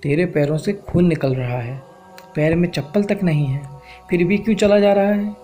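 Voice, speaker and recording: A man voicing a stern male police constable who scolds in a slow, deliberate way, in a spoken-word story. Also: high voice, dark tone, faint music behind, close to an everyday voice. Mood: questioning.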